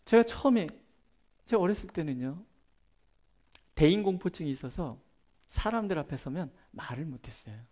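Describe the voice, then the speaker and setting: A middle-aged man preaching a prayer-meeting sermon as a pastor, chatting through personal stories and moving between loud emphasis and soft, hushed asides. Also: fairly high pitch, expressive, normal speed, pauses often. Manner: conversational, tells personal stories with gestures.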